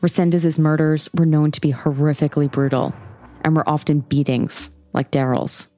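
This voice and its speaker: Low, mellow woman narrating true crime. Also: level tone, moderate pace, faint music behind. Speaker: podcast host and narrator.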